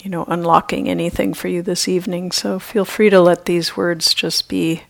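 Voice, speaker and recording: Leading a meditation, a female teacher speaks gently and without hurry, with long breaks between lines. The voice is lowish and gravelly, delivered flatly.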